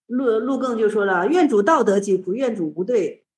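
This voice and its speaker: A woman giving a casual talk on Zen teaching, telling old stories in a lively way. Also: fairly high pitch, moderate pace, roomy sound. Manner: storytelling, lively, with restarts.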